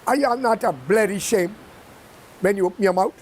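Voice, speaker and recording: A man with a Guyanese accent delivers a seated political monologue in a high, strained register. He talks bluntly and heatedly, throwing in curses as he goes. A faint low rumble sits behind his voice. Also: moderate pace. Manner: blunt, heated and profane ranting. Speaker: political commentator. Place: seated indoors.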